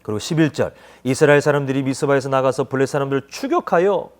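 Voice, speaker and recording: A man preaching a children's sermon, animated, often asking the children questions. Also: medium pitch, fast talker. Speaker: children's pastor.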